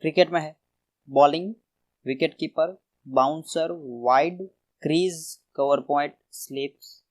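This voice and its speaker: A man's voice: a little high, fairly even intonation, measured pace, low-quality recording. Man reading out exam word lists. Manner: reads word lists aloud, stresses each term. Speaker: quiz teacher. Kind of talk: exam revision lesson.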